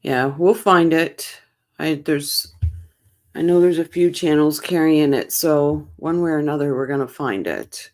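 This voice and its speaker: A woman's voice: deep voice, unhurried, a little mellow. A woman hosting a casual livestream, greeting chat viewers by name with a tired morning voice. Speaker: livestream host.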